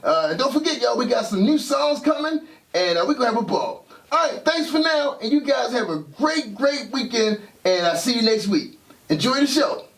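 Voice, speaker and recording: A man voicing an excitable boyish puppet who hosts a kids' show like an overbright party host, with a husky voice and hyped, exclamatory delivery. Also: extremely high pitch, normal speed, exaggerated voice. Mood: chatty, upbeat. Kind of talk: children's puppet show presenting.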